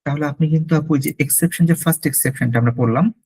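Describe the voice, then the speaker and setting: Man, husky voice, French tutor, one-on-one lesson, mixes in English, spells words out letter by letter. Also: on the high side, quick pace, darkish tone, poor audio.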